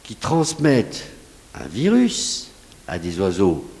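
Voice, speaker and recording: Conférencier homme, accent du Sud-Ouest, ton vif et familier, réverbération de salle. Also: male voice, low voice, slow, creaky. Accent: southwest French. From southwest France. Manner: lively, conversational, rhetorical questions. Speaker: guest scientist answering audience questions. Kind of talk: public lecture Q&A. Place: lecture hall. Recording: long hall reverb.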